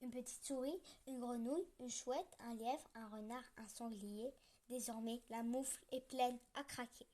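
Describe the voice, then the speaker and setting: A woman reading a children's story aloud, gentle and playful with snoring sound effects. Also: on the high side, normal speed.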